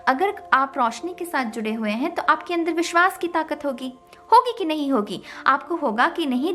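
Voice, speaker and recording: A woman's voice: sits high, fairly bright tone. A woman who reads tarot, talking to her viewers about spiritual ideas, emphatic and full of rhetorical questions, mixing English words into her speech. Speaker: tarot reader.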